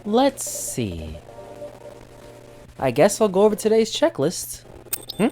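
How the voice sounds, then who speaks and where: A woman's voice: medium pitch, wildly swooping pitch, slow, warm tone, soft background music. A woman streaming and chatting casually with her co-host and viewers. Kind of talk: casual live stream chat.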